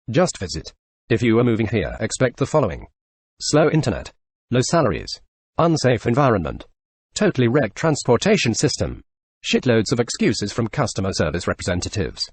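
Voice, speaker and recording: A synthetic male text-to-speech voice narrating forum posts, reading short posts back to back in even sentences. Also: mid-range voice, slightly rough, no echo.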